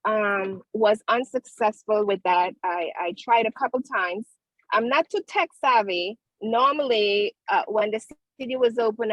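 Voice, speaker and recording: A woman calling in by phone from outdoors, testifying at a hearing in a hesitant, halting way as the line crackles and fades in and out. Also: on the high side, no room sound. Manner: hesitant, halting, many restarts. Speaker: property owner appealing a violation. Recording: dry, muffled phone line.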